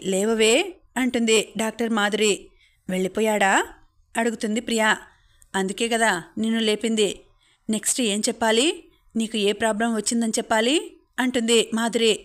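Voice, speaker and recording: A woman narrates a dramatic family story in a flat, even voice. She speaks every character's lines herself without changing her own voice. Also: medium pitch.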